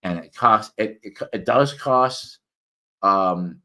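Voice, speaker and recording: A man with speech slightly thickened by a swollen mouth, giving a casual, rambling review and personal update in a halting way, often repeating and correcting himself. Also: on the low side, bright, forceful tone. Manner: halting, with repeated words and many self-corrections. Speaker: host, reviewer and writer.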